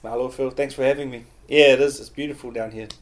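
Kiwi guy, mid-pitched, easygoing interview chat, feels his way through explanations. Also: fairly even intonation, fast talker. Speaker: guest, public health worker. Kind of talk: casual interview conversation.

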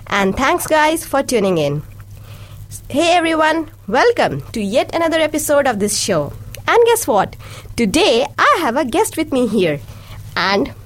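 A young woman from India hosts a community radio show in a bright, friendly way. Her voice sits a little high and swings widely in pitch. She speaks English as a second language after Hindi and Urdu. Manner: friendly, lively and welcoming. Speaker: radio host. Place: radio studio.

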